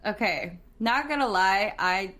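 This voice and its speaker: A woman's voice: mid-range voice, expressive, measured pace, bright, forceful tone. A woman co-hosting a live-streamed chat podcast. She teases her co-host, laughs often and reads viewer comments aloud.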